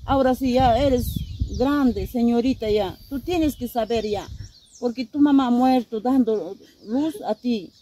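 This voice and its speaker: A woman's voice: fairly high pitch, unhurried, mellow, slight background noise, close to an everyday voice. A woman playing a tender, guilt-stricken mother soothing her daughter outdoors in the countryside. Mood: apologetic. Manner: soothing, apologetic.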